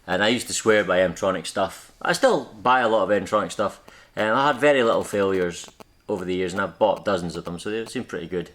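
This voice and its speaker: In this hobby video, a young Scottish host speaks briskly in a deep, fairly bright voice. His talk is casual and unscripted, drifting a little while he corrects himself.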